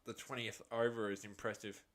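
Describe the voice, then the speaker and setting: A man with an Australian accent giving a live cricket reaction commentary, shifting between excited calls and chatty asides. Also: lowish voice, a little fast.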